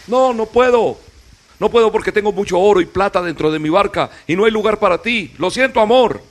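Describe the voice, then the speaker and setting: A man's voice: sits high, a little fast, voice pushed up, lightly acted. A man voicing Wealth as a dismissive, haughty figure in a spoken fable. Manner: curt refusal.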